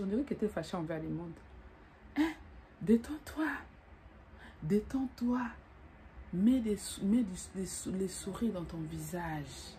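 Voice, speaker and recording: A middle-aged woman talking casually to camera from her bed, giving advice to her viewers in a chatty, animated way, repeating little tag questions and calling the viewer darling. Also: medium pitch, slight background noise. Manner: animated, acts out greetings. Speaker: vlogger giving dating advice. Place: bedroom, lying in bed.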